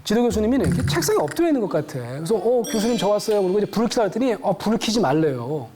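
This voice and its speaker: Brisk, animated woman lecturer. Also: medium pitch. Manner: lively, acts out the voices of people in her stories. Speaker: lecturer and counselor. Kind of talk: storytelling lecture. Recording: background music under the voice. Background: music.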